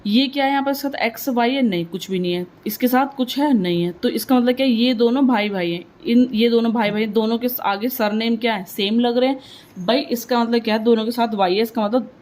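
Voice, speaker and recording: A woman with a fairly high voice teaching maths, talking herself through each calculation. She keeps asking little questions and answering them right away, dropping English words into her explanation. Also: a little fast, darkish tone, poor audio. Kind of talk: step-by-step maths lesson.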